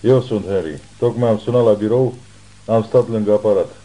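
A man reading as a blunt associate on the phone who delivers bad news urgently. The voice is a little raised but still deep and very dark. It reads like an audiobook. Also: close to an everyday voice, poor audio.

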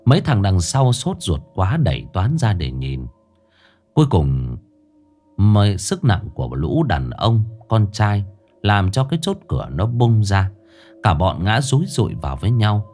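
A man narrating a ghost story in an expressive way. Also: fairly low pitch, a little slow. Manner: lively, expressive. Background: faint music.

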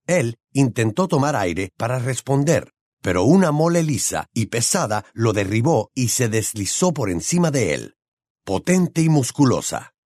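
Expressive male audiobook narrator. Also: medium pitch, no room sound, clean studio sound. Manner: expressive, dramatic storytelling. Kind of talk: scripted narration.

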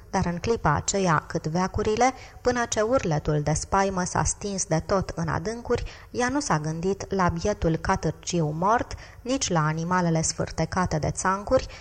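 A woman narrating an audiobook with a steady, measured reading. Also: on the low side. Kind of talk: scripted narration.

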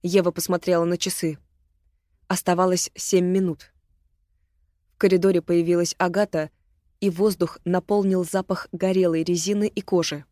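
Low-voiced woman reading an audiobook. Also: level tone, moderate pace, dark tone, no room sound, studio quality. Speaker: audiobook reader. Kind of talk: scripted narration.

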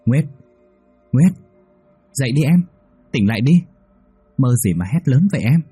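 A man voicing a caring young husband who speaks gently to his wife. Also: sits low, normal speed, breathy edge, dry recording, soft background music. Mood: urgent. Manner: urgent then soothing.

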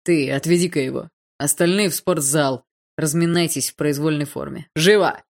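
A man's voice: a little high, fairly even intonation, normal speed, vocal fry, a little mellow. A woman voicing an angry, bossy male gym teacher who barks orders. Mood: commanding. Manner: barking orders.

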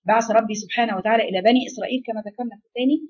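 A woman's voice: fairly high pitch, rapid-fire. A woman with an Egyptian accent giving a religious lesson, asking her listeners questions and answering them herself. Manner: animated, asks the class questions and answers them. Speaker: religious teacher. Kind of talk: Quran lesson in Egyptian colloquial. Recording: dull lo-fi recording.

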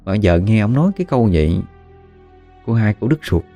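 A man's voice: on the low side, big pitch swings, brisk, warm tone. A man with a Southern Vietnamese accent narrating a ghost story in a conversational way with dramatic asides. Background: faint music.

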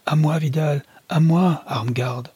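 A man voicing a desperate, fierce army captain who shouts urgent cries in a husky voice. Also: fairly low pitch, monotone, normal speed, no echo.

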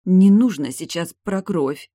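A woman's voice: fairly low pitch, measured pace, mellow, dry recording, pitched above the performer's own voice. A woman voicing a young vampire heroine who talks curtly and sarcastically, with cold irritation, in a dry-sounding reading.

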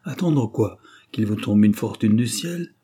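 A man reading an audiobook, voicing a calm, wealthy gentleman who refuses in measured tones. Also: lowish voice, husky. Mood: calm refusal.

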